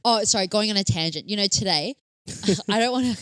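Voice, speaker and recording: A woman's voice: mid-range voice, brisk, no room sound. A young woman with an Australian accent, chatting and laughing as a podcast guest. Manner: chatty, laughing, animated storytelling. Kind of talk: casual podcast chat.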